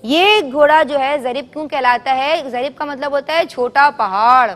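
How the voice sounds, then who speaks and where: High-voiced woman coaching a children's class. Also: in a large hall. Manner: quizzes children and has them repeat answers loudly. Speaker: children's show host. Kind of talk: teaching children in call-and-response. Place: television studio with children.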